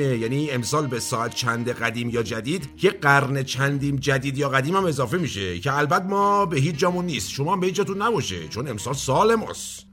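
Man doing a blustering politician, drawling, mock-formal, sarcastic, animated pitch, soft music behind. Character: pompous blustering male politician, self-important. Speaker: comic character host. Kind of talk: satirical comedy monologue.

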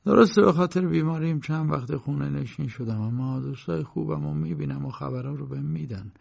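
A man voicing a frail, bedridden old lawyer who speaks slowly and weakly in an audiobook, on a dull lo-fi recording. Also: a little high, vocal fry, breathy edge, heavily acted. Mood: weary. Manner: slow, weak, soft-spoken. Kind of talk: audiobook character voice.

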